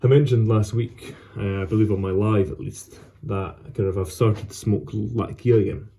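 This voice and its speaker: Dark-voiced man in casual chat. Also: on the low side, steady tone, normal speed, vocal fry. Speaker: host of a pipe tobacco vlog. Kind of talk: casual solo chat to camera.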